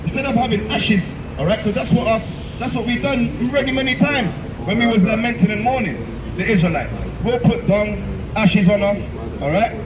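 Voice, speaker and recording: A man's voice: high voice, animated, moderate pace. A man with a London accent preaching emphatically on a busy city street, ending lines with "man" and "all right?". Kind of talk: open-air street preaching. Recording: echoey street sound from far off, crowd noise.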